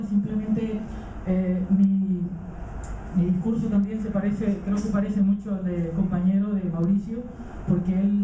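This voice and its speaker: A man's voice: high-pitched, warm tone, a little hiss or hum. Hesitant man speaking in a roomy hall. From Canary Islands, raised in Venezuela. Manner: hesitant, many fillers and restarts. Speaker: conference speaker. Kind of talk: live conference talk. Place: conference hall. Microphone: handheld mic held away from the mouth. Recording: roomy hall, distant mic, dull sound.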